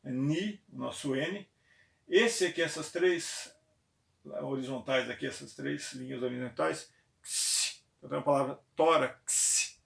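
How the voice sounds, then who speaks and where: Gravelly São teacher, echoey room. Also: male voice, mid-range voice, a bit bright. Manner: explanatory, repeats sounds and letters slowly, checks in with "né?". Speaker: theology teacher. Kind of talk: classroom lecture.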